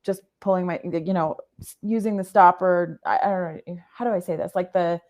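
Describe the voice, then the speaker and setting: A woman with a lowish, darkish voice speaks in a steady tone over lo-fi sound. She's a podcast guest telling a personal story earnestly, halting often and pausing to rephrase as she searches for the right words.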